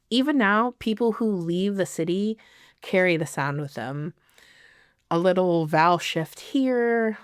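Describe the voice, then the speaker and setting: A woman hosts a podcast in a slow, unhurried scripted monologue, her voice lowish and smooth. She is giggly and self-deprecating, laughing at her own slips and apologizing for them. The sound is close and dry. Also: no echo. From not from the city she lives in now. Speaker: podcast host.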